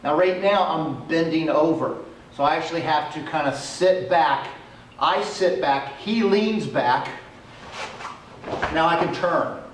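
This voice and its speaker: A male martial arts teacher with a fairly high voice keeps a measured pace, explaining and demonstrating self-defense step by step. Recorded outdoors on cement, the distant camera audio echoes and has a faint hiss or hum.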